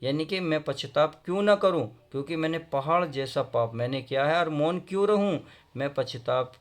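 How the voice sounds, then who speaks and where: A man teaching a Hindi poem to school students, reading verse lines slowly and then explaining them in plain, friendly talk. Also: on the high side. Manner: addresses students fondly, often asks if they understood.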